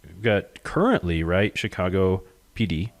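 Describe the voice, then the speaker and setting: A man co-hosting a podcast, asking friendly, easygoing questions in a halting way. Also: deep voice, very animated. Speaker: podcast co-host. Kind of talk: casual podcast chat.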